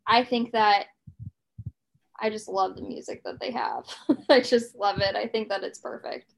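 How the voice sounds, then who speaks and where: A woman's voice: medium pitch, fairly even intonation, unhurried, creaky, slight background noise, poor audio. A woman in her thirties co-hosting a podcast, chatting casually and rambling with plenty of fillers and restarts. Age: 30s. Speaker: podcast co-host. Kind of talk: casual chat.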